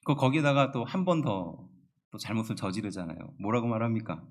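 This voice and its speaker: A man's voice: lowish voice, lively intonation, fairly quick. A male pastor preaching a sermon, explaining a Bible passage and putting questions to his congregation.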